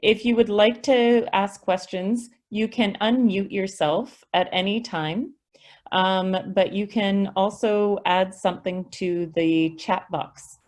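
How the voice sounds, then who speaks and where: A woman representing a school district reads and answers questions on an online video call during a webinar Q&A, explaining things patiently. Her medium-pitched voice is a little mellow, and she speaks slowly with a steady tone.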